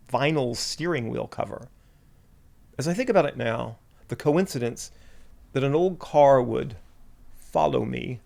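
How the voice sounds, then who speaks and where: A man's voice: medium pitch, gravelly. A man, a writer, delivering a reflective spoken essay in a musing, wry and self-deprecating way.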